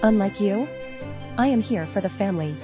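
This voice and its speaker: A woman's voice: medium pitch, expressive, normal speed, muffled recording, music in the background, close to an everyday voice. A woman playing a caring, principled daughter in a scripted drama, speaking earnestly. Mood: indignant. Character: caring, indignant daughter standing up for the housekeeper.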